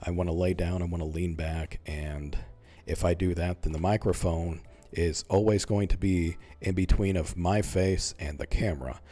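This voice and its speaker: A young man giving casual gameplay commentary in a monotone, relaxed way, speaking close into a microphone while leaning back at home. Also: sits low, normal speed, hardly any pauses, faint music behind. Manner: self-described monotone, relaxed and mumbling. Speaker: gaming YouTuber. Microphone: close microphone in front of mouth.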